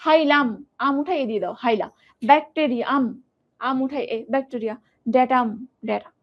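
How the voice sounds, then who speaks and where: High-voiced young woman teaching grammar. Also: a little fast, lo-fi sound. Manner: lively, asks questions, repeats words drill-style. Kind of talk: online exam-prep grammar lesson.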